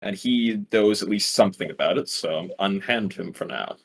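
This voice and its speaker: A man voicing his adventurer in a tabletop game, speaking calmly and in a businesslike way. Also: lowish voice, moderate pace, gravelly, slightly rough. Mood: firm. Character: commanding adventurer, in character.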